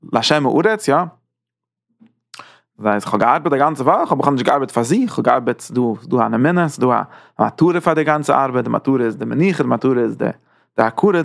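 A man giving a Torah lecture at a very fast clip, his voice gravelly with fry. He restarts and repeats phrases as he works through each point. The sound is dry and close, with no room echo. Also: on the high side. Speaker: Torah teacher.

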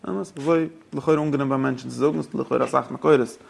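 Ein Mann hält einen lebhaften Lehrvortrag über religiöses Recht, mischt Deutsch, Englisch und Jiddisch und stellt seinen Zuhörern Fragen. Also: male voice, medium pitch, steady tone, fast, gravelly, slightly rough. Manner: mixes German, English and Yiddish with rabbinic terms; poses questions to listeners. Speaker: teacher of religious law. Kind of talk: lively study-hall lecture.

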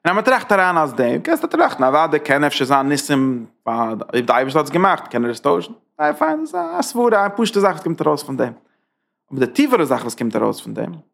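A man's voice: a little high, wildly swooping pitch, brisk, gravelly, a bit bright. A man teaching a Torah class as a rabbi, driving his points with rhetorical questions and emphatic repetition. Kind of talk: Torah lecture.

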